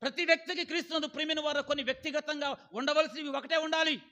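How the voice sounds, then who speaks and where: Male pastor, high bright voice, sermon full of questions to the congregation. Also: steady tone, quick pace. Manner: calls on the congregation to answer aloud; keeps asking "ఏమండి?".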